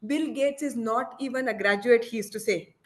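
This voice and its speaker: A woman giving a motivational talk from home. She switches between English and Hindi, tells stories in an animated way and keeps checking in with her listeners by asking "okay?". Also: a little high, moderate pace. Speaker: guest speaker.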